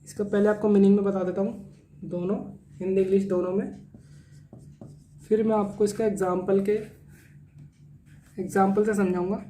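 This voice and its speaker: Man, vocabulary teacher, soft mellow tone, spells and repeats each word patiently. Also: sits high, flat delivery, slight background noise. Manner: spells out words and repeats meanings slowly; mixes Hindi explanation with English definitions. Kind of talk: exam vocabulary lesson.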